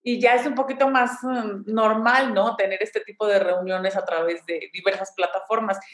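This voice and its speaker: A woman's voice: medium pitch, fairly even intonation, normal speed. Woman hosting, roomy echo. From Mexico. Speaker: podcast host. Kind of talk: interview hosting.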